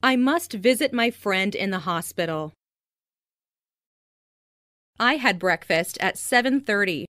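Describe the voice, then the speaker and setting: A woman reading simple English phrases slowly and carefully for learners, saying each one twice. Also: medium pitch, animated, fairly bright tone, no room sound, clean studio sound. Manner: careful, clearly enunciated, each sentence said twice.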